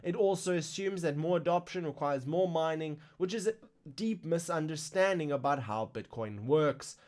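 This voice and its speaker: Guy hosting a crypto livestream, kinda high voice, hiccuping, gets all worked up over the numbers. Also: normal speed. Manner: excitable, exclaims over numbers. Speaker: crypto news live stream host. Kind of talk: casual live-stream news roundup.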